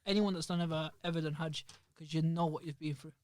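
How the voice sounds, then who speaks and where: Higher-pitched but darkish in tone, this podcast host keeps a steady voice as he chats casually in a small studio on a studio microphone. He speaks fast and rambles, frequently starting sentences over.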